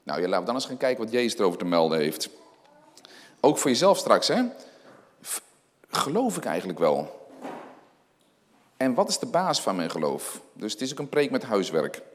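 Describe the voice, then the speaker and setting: A man giving a sermon and reading scripture aloud, animated and full of rhetorical questions. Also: on the low side, normal speed, long pauses. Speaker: lay preacher. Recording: long hall reverb.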